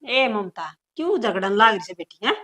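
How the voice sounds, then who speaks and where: An actress playing a mother who tries to calm quarrelling family members, with a Haryanvi accent and a pleading, soothing manner. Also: mid-range voice, moderate pace. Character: mother trying to calm her quarrelling daughters. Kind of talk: village family comedy drama.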